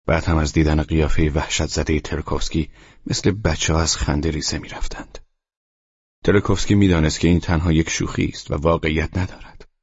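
A man with an extremely low, husky voice reads a novel aloud in a calm, measured way, sometimes sinking almost to a whisper. The recording is very dry and slightly dull, with no room sound. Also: dry recording. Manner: quiet, measured, at times near a whisper. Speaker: audiobook narrator. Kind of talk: scripted narration.

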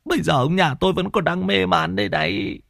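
A man putting on a distraught village wife who wails in a high, breaking voice. She sobs and laments, and her pitch jumps all over the place. The sound is dry and close. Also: big pitch swings, a little fast, vocal fry, a bit bright, no room sound, exaggerated voice. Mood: distraught wailing. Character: grieving wife wailing for her husband.

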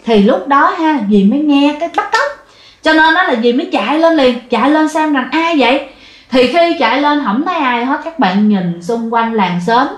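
A woman's voice: sits high, expressive, normal speed. A woman telling a ghost story, chatty and addressing her listeners directly. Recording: roomy echo.

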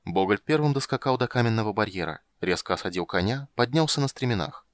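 Male audiobook narrator, very low voice, dry close-miked sound. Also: no room sound. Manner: even, measured reading.

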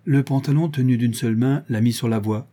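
A man narrating an audiobook in a measured storytelling manner. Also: medium pitch, steady tone, warm tone. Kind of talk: audiobook reading.

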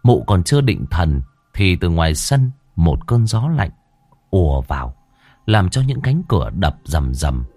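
A man narrating a village horror story in a dramatic, expressive storytelling manner. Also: low voice, unhurried, husky.

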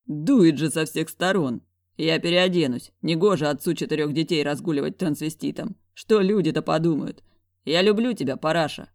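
An audiobook reader voicing a huge bearded man, loud and hoarse, who proposes marriage. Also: fairly high pitch, normal speed, dry recording, clean studio sound, close to an everyday voice. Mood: earnest.

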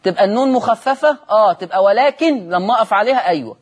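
A man's voice: high-pitched, expressive. Egyptian man teaching Quran recitation. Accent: Egyptian Arabic. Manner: asks questions aloud and answers them himself, then chants example words slowly. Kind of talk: televised recitation lesson.

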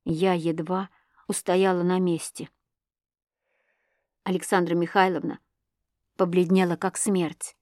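A woman narrating a classic novel in a quiet, restrained reading voice. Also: fairly low pitch, little pitch movement, slow pace, pauses often, dry recording, studio quality. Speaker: audiobook narrator. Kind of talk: scripted literary narration.

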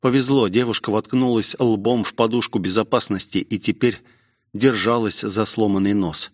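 A man narrating an action audiobook in a steady dramatic reading. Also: on the low side, moderate pace, no echo, clean studio sound.

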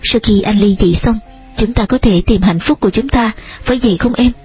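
A woman's voice: fairly high pitch, a little fast, a little mellow, slightly rough, faint music behind. A woman voicing a passionate young man who pleads urgently with the woman he lost. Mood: pleading.

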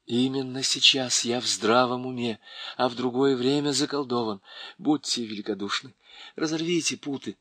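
A man's voice: mid-range voice, normal speed, pushed and bright, dry recording. A man voicing a desperate, bewitched young knight who pleads urgently and at times rages. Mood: pleading.

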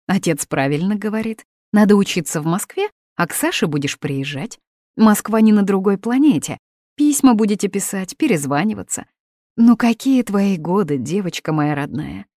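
A woman's voice: mid-range voice, lively intonation, normal speed, warm tone, dry recording, voice pushed up, natural voice. A woman reading the part of a stern middle-aged mother, reproachful and indignant, in a dry, close recording. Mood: persuasive.

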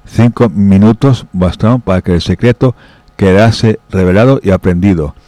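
A man reading a pulp western story aloud as storyteller, steady and unhurried with small restarts. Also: on the low side, dry recording.

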